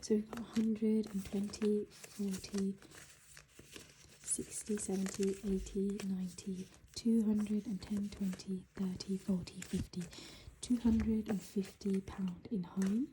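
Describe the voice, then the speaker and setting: Hushed, half-whispering British woman, very soft. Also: medium pitch, level tone, slow pace, slight background noise, poor audio. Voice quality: soft, breathy, largely whispered. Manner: hushed, quiet early-morning voice so as not to wake others. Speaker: budgeting vlogger. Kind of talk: casual chat while counting cash. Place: indoors at home.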